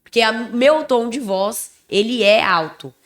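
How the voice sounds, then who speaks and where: A young woman with a Brazilian Portuguese accent co-hosting a podcast in casual chat, emphatic and expressive, a little under the weather. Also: fairly high pitch, unhurried. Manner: expressive, emphatic, self-described loud voice. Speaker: podcast co-host.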